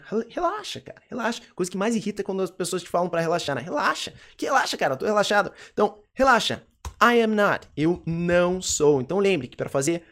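A Brazilian man with a slightly raised voice teaches English in a relaxed, chatty recorded lesson. He voices his students' questions and answers them himself. He repeats each example sentence slowly. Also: a little high. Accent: Brazilian Portuguese.

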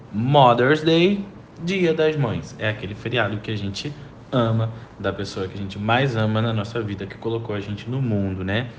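A man with a Brazilian Portuguese accent teaching an English lesson. He is friendly, checks in with frequent tag questions, and draws out English phrases slowly so students can repeat them. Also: mid-range voice, roomy sound, a little hiss or hum. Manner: slow, drawn-out model pronunciation of English phrases for repetition. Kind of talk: recorded language lesson.

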